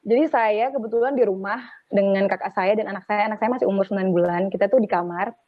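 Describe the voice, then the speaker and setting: A young woman from Palu, a radio announcer, telling her own story in a casual interview with animated, run-on sentences. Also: medium pitch, fast talker, no room sound. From Palu, Central Sulawesi, Indonesia. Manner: animated, recounts events in long run-on sentences. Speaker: radio announcer and podcast guest. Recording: tinny phone-like line, dry.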